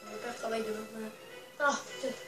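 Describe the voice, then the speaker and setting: Brief: woman, higher voice, soft rambling let's-play commentary, mic far off in an echoey room, music clearly behind. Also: steady tone, quick pace. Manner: talks quietly, holding her voice down at night; rambling, full of hesitations. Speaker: gaming channel host.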